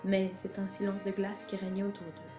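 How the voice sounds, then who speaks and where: A woman reading a children's storybook aloud in an expressive, measured way. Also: medium pitch, faint music behind.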